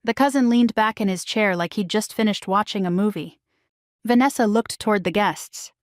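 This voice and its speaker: A middle-aged woman narrating a first-person story in a calm, measured way. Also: medium pitch, no echo, clean studio sound. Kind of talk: scripted narration.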